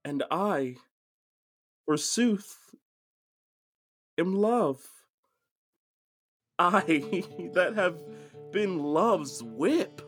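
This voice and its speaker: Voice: medium pitch, animated, drawn-out words, pauses often, faint music behind. A performer playing a witty young lord in a Shakespeare comedy, declaiming grandly and laughing at himself. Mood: lovesick ranting. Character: witty young lord, lovesick and self-mocking. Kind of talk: Shakespeare stage acting.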